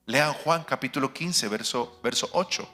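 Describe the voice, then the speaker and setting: A man preaching a sermon as pastor. He fires rhetorical questions at the congregation and swings between loud declarations and hushed asides. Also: medium pitch, normal speed, faint music behind. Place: church sanctuary.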